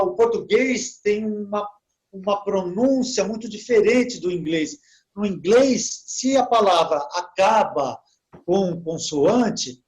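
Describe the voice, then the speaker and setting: A man teaching English to Portuguese speakers in a relaxed online talk, often adding "né?" and slowing down to model English words. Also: sits high, poor audio.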